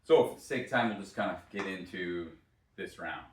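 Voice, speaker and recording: Hungover guy doing a casual sports podcast, deep voice, kinda hesitant, sounds far from the mic. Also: fairly quick. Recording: roomy echo, distant from mic.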